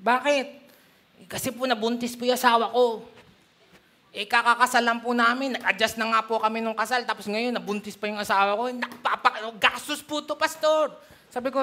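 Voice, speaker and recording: Animated Filipino pastor preaching. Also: male voice, very high voice. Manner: animated storytelling, switching between Tagalog and English. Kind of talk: sermon.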